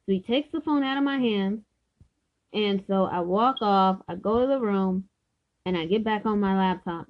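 A woman's voice: mid-range voice, normal speed. A woman telling a personal story from her own life in an earnest, emphatic way, often repeating herself for stress. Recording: dull lo-fi recording.

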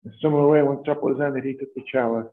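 Male priest, formal measured prayer, cathedral echo, thin lo-fi line. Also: mid-range voice, steady tone. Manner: measured, formal liturgical delivery. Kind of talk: leading Mass prayers. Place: large church. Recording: echoey church, tinny lo-fi sound.

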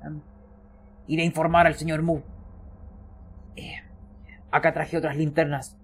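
A man's voice: on the high side, flat delivery, a little slow, husky. A stern male museum guard, played by a man in a tabletop game, gives short, curt orders. He sounds plain and commanding rather than theatrical.

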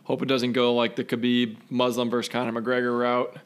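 A man co-hosting a fight podcast, talking in a relaxed, rambling way with lots of fillers. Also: medium pitch, brisk, smooth. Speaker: podcast co-host. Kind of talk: casual chat.

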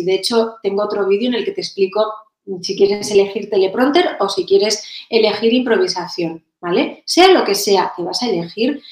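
A woman from giving energetic, direct on-camera advice as a presentation coach. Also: mid-range voice. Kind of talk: on-camera tutorial. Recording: roomy echoey room.

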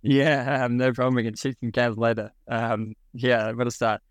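A young New Zealand man, appearing as a guest on a podcast, explains a product in a level, mid-range voice at normal speed, with lots of ums and restarts. The recording is dry.

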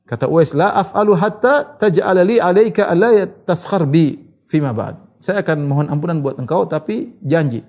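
A man with a fairly high voice gives a religious lesson as a story. He reads narrations in Arabic, then explains them casually, acting out what each character says. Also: normal speed, a little mellow. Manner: acts out the quoted characters' lines. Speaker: religious teacher.

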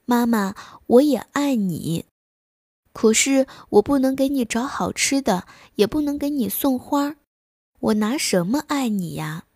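A small young poplar tree speaks in a bedtime storybook, voiced by a woman. It sounds sweet and earnest, with a fairly high voice and a slow pace. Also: expressive, darkish tone, no room sound, clean studio sound.

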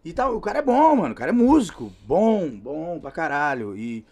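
A man's voice: fairly high pitch, big pitch swings, normal speed, darkish tone, dull audio. A Brazilian man hosting a casual podcast chat, slangy, profane and enthusiastic.

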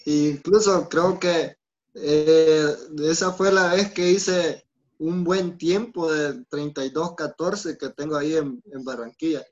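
A man, an athlete, answering interview questions in a calm, soft-spoken way. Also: a little high, slow pace. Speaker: athlete guest. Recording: dull lo-fi sound.

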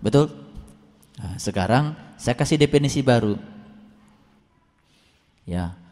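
Male preacher, slow and lively, soaring pitch on key points, long echo of a hall. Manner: animated, rising to high emphatic peaks, chants verses slowly. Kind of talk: sermon.

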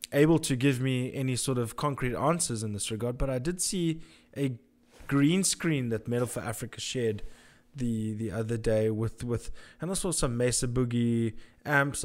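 A man hosting a casual interview. He is chatty and jokey, restarting his sentences and laughing nervously. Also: mid-range voice. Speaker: interviewer host.

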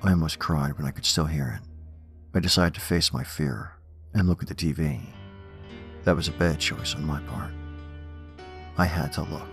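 Man, extremely low pitch, creaky voice, theatrical horror podcast narration, measured delivery. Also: fairly even intonation, a bit bright, faint music behind. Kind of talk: scripted narration of horror stories and poems.

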